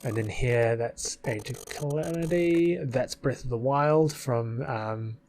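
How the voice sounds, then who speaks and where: A middle-aged video creator rambles casually over a film edit, poking fun at himself while his mouth is still partly numb from dental work. His medium-pitched, darkish voice moves slowly, with background music and a little hiss or hum in the recording.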